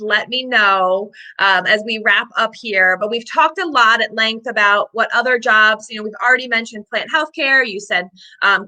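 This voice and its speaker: A woman's voice: fairly high pitch, pushed and bright. A woman hosting a live-stream interview, upbeat and chatty, with filler words. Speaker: host.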